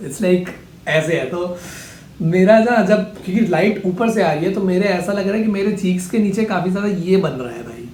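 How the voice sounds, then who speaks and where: A man's voice: sits high, darkish tone, echoey room, slight background noise. A teenage man, chatting casually and jokingly as he answers viewer questions late at night, a bit sleepy. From India. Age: teens. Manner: chatty, switches between Hindi and English, jokey.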